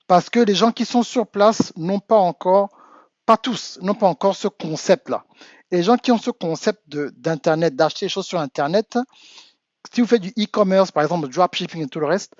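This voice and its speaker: Originally from Africa and now at home in the United States, this man is a business coach pressing his audience insistently until he reaches emphatic exhortation. His voice is high-pitched, the recording has no room sound, and the highs are cut off.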